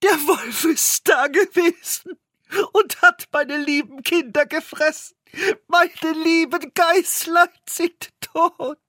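A man voicing a mother goat in a fairy tale, in a high, slow, drawn-out falsetto. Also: bright, forceful tone, dry recording, studio quality, full character voice. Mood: lamenting. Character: mother goat, also wolf faking her voice. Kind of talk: storybook narration.

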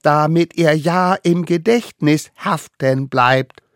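Ein Mann spielt einen winzigen eifrigen Höhlenjungen. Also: male voice, takes it slowly, no room sound, studio quality. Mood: fussy. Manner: high, pleading, fussy. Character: tiny eager boy caveman hunter.

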